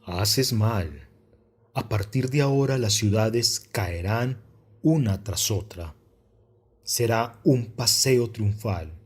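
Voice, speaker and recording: A shrewd, dismissive boss haggles over a donkey, voiced by a male narrator. The low, husky voice takes its time, as in an audiobook. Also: takes it slowly. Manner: dismissive, bargaining.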